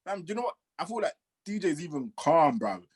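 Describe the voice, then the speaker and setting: A man's voice: on the high side, a little fast, husky. A young man co-hosting a casual podcast chat, joking and acting out quotes. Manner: lively, joking, acts out quotes. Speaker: podcast co-host.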